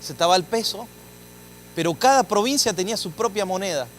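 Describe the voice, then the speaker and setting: A man's voice: sits high, animated, brisk, a little hiss or hum, rough recording. A man, a pastor preaching a sermon, telling his testimony and acting out the dialogue before rising into emphatic preaching. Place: church sanctuary.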